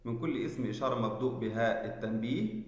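A male teacher giving a spelling lesson, explaining slowly and deliberately and checking that students follow. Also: medium pitch. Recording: echoey room with long reverb.

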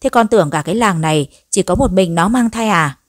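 A woman voicing a sharp-tongued, nagging old mother-in-law in a storybook reading. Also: medium pitch, expressive, brisk, no room sound, studio quality, lightly acted. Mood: scolding. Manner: nagging, sarcastic scolding.

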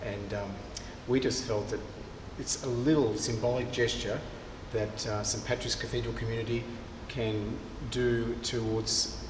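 A man, a cathedral's director of music, answering interview questions thoughtfully with many pauses and restarts. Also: mid-range voice, steady tone. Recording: echoey cathedral with long reverb and clear background noise.

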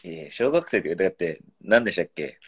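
A man's voice: sits low, sing-song, fast, husky. A man in his thirties hosting a casual live stream, reading out viewer comments and teasing his guest. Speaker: pro footballer, live-stream host.

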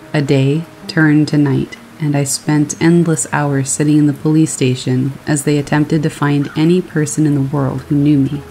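A horror story narrator calmly reading a first-person scary story aloud, with steady storytelling delivery. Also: medium pitch, low-quality recording. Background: rain sounds and faint music.

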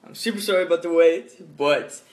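A man chatting casually and excitably in a selfie video diary, filmed on his phone. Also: fairly high pitch, fairly quick, poor audio. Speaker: vlogger. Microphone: phone held at arm's length. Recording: phone recording with clear background noise.

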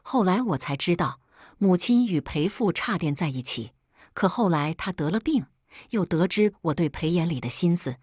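Low, husky woman telling a sad story. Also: no echo, clean studio sound. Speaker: story narrator. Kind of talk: first-person storytelling.

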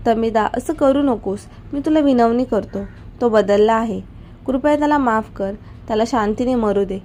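An elderly grandmother pleads softly for her son's sake, as a woman reading the story voices her. The voice is warm and mellow and sits a bit high. It belongs to a storybook narration. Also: moderate pace, a little hiss or hum, natural voice. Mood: pleading.

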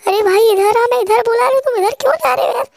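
A man voicing a panicky, whiny teammate who keeps begging to be rescued, in a shrill pleading tone. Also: fast talker, gravelly, dry recording, studio quality.

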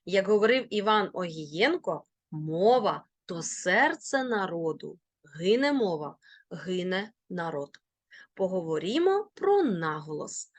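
A woman teacher giving a video lesson, saying example words slowly and clearly in a sing-song teaching tone. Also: lowish voice, sing-song, no echo.

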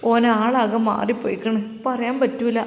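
A woman voicing an elderly, pious, protective mother who speaks in a soft, tender way. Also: on the high side, steady tone, moderate pace, vocal fry. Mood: worried tender. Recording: echoey roomy recording with long reverb.

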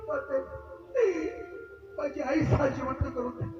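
A desperate young son, played by a man on a folk stage, cries out his pleas in a very high, strained voice. Loud music swells behind him, and the sound is echoey and distant. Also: flat delivery, takes it slowly, lo-fi sound, exaggerated voice. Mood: anguished. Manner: anguished wailing pleas, sobbing shouts. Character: desperate poor young son pleading with god. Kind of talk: live folk stage drama. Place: open stage performance.

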